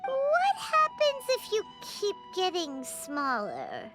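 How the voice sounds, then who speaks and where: A woman's voice: extremely high pitch, huge pitch swings, takes it slowly, over loud music, heavily acted. A woman voicing a tiny, anxious female companion sprite who talks about herself in the third person. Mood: excitable.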